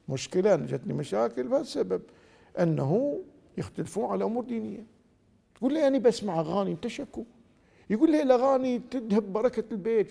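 Fast, gravelly Gulf Arabic lecturer. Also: male voice, sits high, big-room sound. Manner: acts out quoted spouses in lively dialogue. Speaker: religious lecturer. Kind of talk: religious lecture on marriage.

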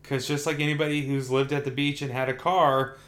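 A man's voice: medium pitch, brisk. A man co-hosting a casual film review podcast, talking animatedly and swearing now and then. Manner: animated, swears, acts out quotes. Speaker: podcast co-host.

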